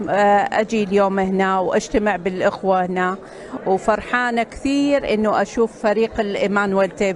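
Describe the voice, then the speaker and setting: A woman from Iraq with an Iraqi Arabic accent, giving a short testimony as an interviewee, brisk with filler pauses. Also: mid-range voice. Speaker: interviewee, church partner.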